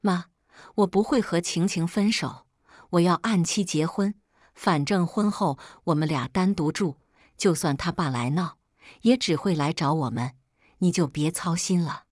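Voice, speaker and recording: A woman's voice: on the low side, measured pace, a little mellow, dry recording, studio quality. A woman voicing a firm, protective young man in a story. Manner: firm, frowning. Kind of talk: scripted story narration.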